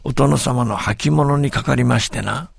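A man's voice: medium pitch, unhurried, vocal fry, breathy edge, no room sound, clean studio sound, exaggerated voice. A man voicing a sly, boastful village tall-tale teller who speaks with humble, servile politeness. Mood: storytelling.

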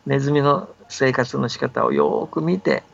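An older male folktale scholar explains things on the radio in a casual, patient way, often seeking the listener's agreement. He speaks at a normal speed in a mid-range voice with vocal fry. The sound is dull and band-limited, with faint background noise.

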